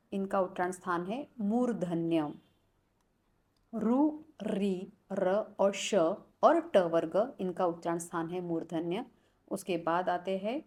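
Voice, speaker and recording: A woman teaches a Sanskrit lesson, sounding out each letter with care. She speaks very slowly, and her voice is warm and mellow. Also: medium pitch. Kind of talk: explaining a lesson.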